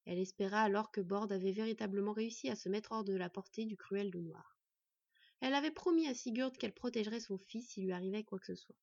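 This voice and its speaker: A woman narrating a fantasy story in a measured storytelling way. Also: mid-range voice, darkish tone, no echo. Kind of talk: scripted narration. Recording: dry, slightly dull recording.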